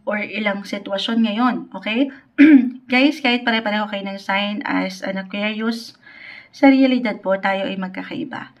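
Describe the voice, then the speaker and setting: A woman's voice: mid-range voice, measured pace, lo-fi sound. A woman giving a weekly tarot reading on a livestream. She mixes Tagalog and English, speaks politely, and keeps checking in with "okay?". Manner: polite, uses "po" often. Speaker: tarot reader.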